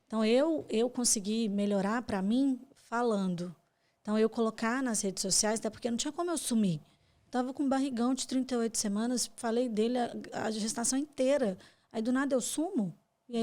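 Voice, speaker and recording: A Brazilian woman telling a personal story as a podcast guest, soft-spoken and halting, with repeated words. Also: a little high. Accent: Brazilian Portuguese.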